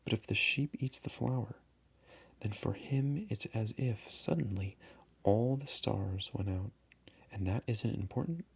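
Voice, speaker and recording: A man's voice: fairly low pitch, unhurried, vocal fry, slightly rough, full character voice. A man voicing a small, earnest and indignant boy prince in a storybook reading, with insistent questioning. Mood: angry hurt.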